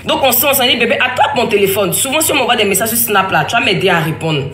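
A woman's voice: a little high, fast, fairly bright tone. Echoey-voiced woman recounting. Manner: rambling, emphatic, with frequent restarts and quoted dialogue. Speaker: mother telling her story. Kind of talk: casual spoken testimony. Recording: echoey room with faint ambient noise.

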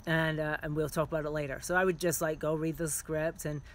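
Frank, animated middle-aged woman filmmaker. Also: deep voice, brisk. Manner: animated, frank, heavy on "like" and "you know". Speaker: filmmaker giving career advice. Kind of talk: casual direct-to-camera advice.

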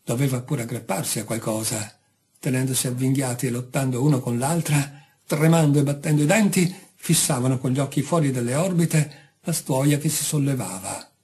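A man reading a short story aloud, calm and measured. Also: medium pitch, husky. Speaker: audiobook reader. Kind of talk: scripted narration.

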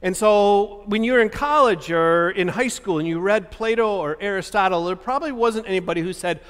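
A man in his fifties preaches from a lectern in a large church, his voice high for a man. He poses rhetorical questions and answers them with animated emphasis. A long hall reverb trails each phrase. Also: fairly quick, clean tone. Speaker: pastor. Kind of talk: sermon.

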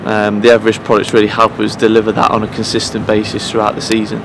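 A head groundsman in his thirties speaks earnestly to camera at pitch side in an empty stadium for a promotional interview. His voice is monotone and creaky, he pauses often with fillers and restarts, and the outdoor background is noisy.

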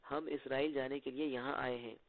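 Bantering young agent, read by a man with a gravelly edge, through a thin phone-like line. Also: mid-range voice, steady tone, normal speed, natural voice. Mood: joking. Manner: playful, bantering. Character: joking, teasing young male secret agent. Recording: tinny phone-like lo-fi audio.

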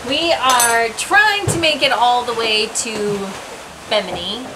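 A woman in her thirties chatting in a relaxed way while sailing a boat. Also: on the high side, slow, noisy background. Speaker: sailing vlogger. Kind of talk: casual chat. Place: outdoors on a sailboat at sea.

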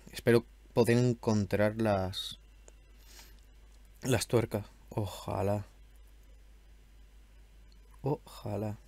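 A man with a slight cold sits in a room at home, commentating a video game in a casual, chatty way and swearing as he goes. His voice is lowish, gravelly and a bit hoarse, and he talks very slowly with frequent pauses. The recording sounds dry.

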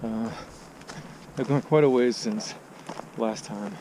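A man's voice: medium pitch, slow pace. A middle-aged man narrating his hike to an action camera on a foggy mountain trail, wry and casually swearing. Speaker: hiker filming his trip. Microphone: action camera carried while hiking. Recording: dull lo-fi audio with loud wind noise.

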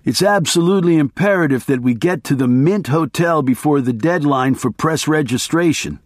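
A man voicing a reckless, wired male journalist who makes loud, brash declarations, in an audiobook reading. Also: on the high side, normal speed, dry recording, studio quality, voice pushed up, natural voice.

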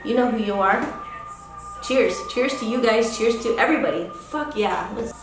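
Woman, 30s, beer vlog host, profane, rambling, slightly high, distant, roomy echo. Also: normal speed, music in the background. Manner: profane and rambling, loud whoops. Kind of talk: casual chat. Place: home. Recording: echoey room from far off.

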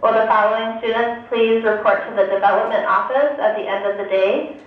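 A woman reading school announcements and a list of names over a PA loudspeaker. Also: fairly high pitch, steady tone, distant mic. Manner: brisk reading of a name list. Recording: muffled loudspeaker, echoey classroom from afar.

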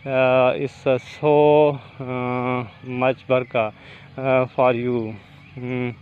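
A man vlogging outdoors on a golf course while walking, talking haltingly with many fillers into a phone camera. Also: medium pitch, level tone, smooth, phone-quality sound. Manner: halting, many fillers, non-native phrasing. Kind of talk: walking vlog, reciting prayers then casual talk. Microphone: phone camera held while walking.

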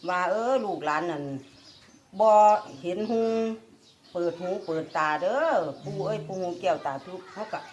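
A woman's voice: fairly low pitch, animated, moderate pace, slight background noise. An older woman with an Isan accent telling a dream in a rambling way, repeating her words. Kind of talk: casual storytelling. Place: outdoors among a group of reporters.

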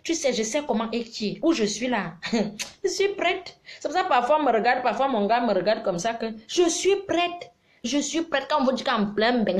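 A middle-aged woman, giving casual advice on a live stream in an animated, preachy but teasing way. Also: on the high side. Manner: animated, preachy and teasing, mixing scolding with affection.

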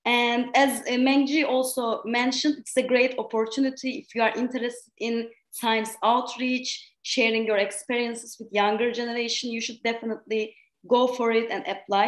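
A Turkish woman in her thirties, a university lecturer and invited speaker, gives an informal scientific presentation online with a Turkish accent. She's in an indoor room, connected remotely to a virtual event. Her fairly high voice is steady, at normal speed, with a roomy sound.

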